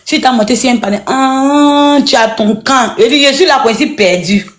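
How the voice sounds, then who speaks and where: A woman's voice: sits high, normal speed. A woman with an Ivorian French accent teasing and insulting in casual banter on a phone live stream, often laughing as she talks. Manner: teasing, mocking insults, laughs while talking.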